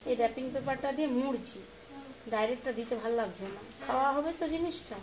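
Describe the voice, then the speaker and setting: A middle-aged woman from Bengal chatting in a rambling way while she bakes in her home kitchen, sometimes speaking softly. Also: on the high side, a little fast. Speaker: home cooking vlogger. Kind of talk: casual chat while baking. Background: fan hum and rain outside.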